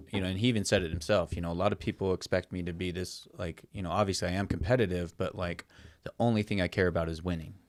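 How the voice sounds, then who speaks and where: A man's voice: sits low, no room sound, studio quality. A man co-hosting a podcast, talking in an easygoing, reflective way, full of "you know" and "like". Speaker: podcast co-host. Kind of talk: casual conversation.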